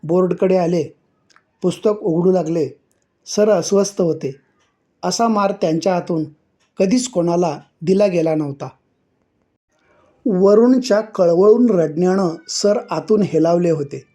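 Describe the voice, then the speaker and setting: A man reading a short story aloud in a measured, expressive storytelling manner. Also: high-pitched.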